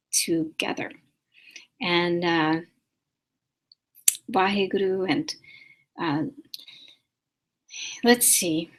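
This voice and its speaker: A woman answering viewers' questions in a live-stream class, speaking patiently with many pauses and soft fillers and repeating sounds to show how they are said. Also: on the low side. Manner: demonstrates pronunciation by repeating sounds. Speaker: spiritual teacher answering questions.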